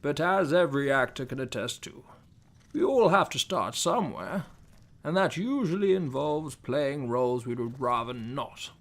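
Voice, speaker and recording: A man's voice: mid-range voice, animated, moderate pace, a bit bright. A man voicing a pompous male giant frost spider who dreams of being a stage actor, speaking in a haughty, precise, theatrical way. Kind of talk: comedic mock interview.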